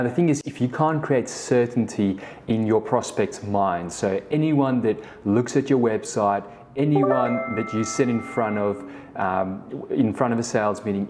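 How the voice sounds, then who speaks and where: Speaking in a darkish voice on the low side, a business co-founder in his thirties hosts a casual solo podcast. He's South African with Afrikaans as his first language, and his story wanders, repeatedly restarting and returning to "the thing is."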